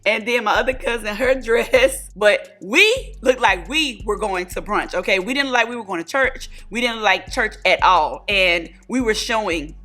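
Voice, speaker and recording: A woman, telling a story to her viewers while doing her makeup, chatty and animated, calling them y'all and honey. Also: medium pitch, normal speed, few pauses, faint music behind. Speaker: beauty vlogger.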